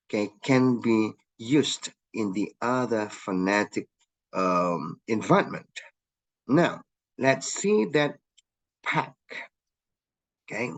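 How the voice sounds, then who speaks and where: A man with an Indonesian accent giving a recorded linguistics lesson, explaining examples on slides and saying "okay" again and again. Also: on the low side. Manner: repeats "okay" often, lively rising emphasis on example sounds. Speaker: linguistics lecturer.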